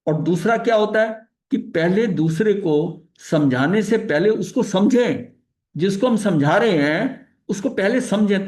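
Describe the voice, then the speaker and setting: A man's voice: high-pitched, a little mellow. A man leading a religious study session, explaining ideas in a conversational teaching manner with frequent filler phrases, restarts, and English terms mixed in. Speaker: spiritual study leader.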